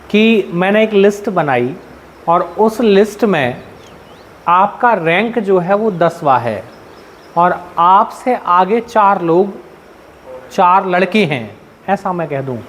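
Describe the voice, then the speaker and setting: A male teacher from central India lectures a classroom in a high-pitched voice, with slight background noise. He explains things step by step using everyday examples and keeps asking his students questions.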